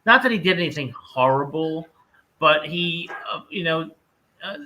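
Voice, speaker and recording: A man's voice: on the high side, lively intonation, normal speed, pushed and bright, slight background noise, poor audio. A man in his fifties from New Jersey, giving blunt, emphatic opinions in a casual sports chat. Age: 50s.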